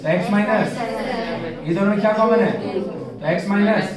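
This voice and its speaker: A math tutor with a high voice teaches a classroom lesson at a moderate pace, coaxing students with repeated questions. He is off mic and distant in an echoey room, with a loud crowd around him.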